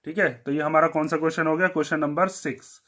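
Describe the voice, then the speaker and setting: An Indian man teaching a maths lesson step by step, asking questions and answering them himself, and dropping low on the one-word answers. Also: fairly even intonation, fast, sharp tone.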